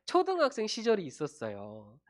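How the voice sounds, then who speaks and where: A man's voice: sits high, moderate pace. A junior pastor giving a children's sermon, telling a story and often checking in with his young listeners. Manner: animated storytelling, addressing kids directly with tag questions.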